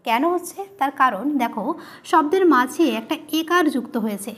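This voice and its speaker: Woman teacher, high voice, grammar lesson, repeats key terms, asks and answers herself. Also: animated, a little fast.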